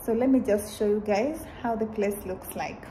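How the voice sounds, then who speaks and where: A woman chatting casually to her viewers in a travel vlog, excited and talkative. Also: mid-range voice, moderate pace. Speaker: vlogger. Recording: noisy background hiss.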